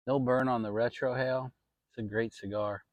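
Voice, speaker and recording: A man's voice: mid-range voice, fairly even intonation, normal speed, dry recording. An American man giving a casual, rambling, mildly salty chat to his viewers from his backyard outdoors. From Maryland, United States. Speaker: vlog host.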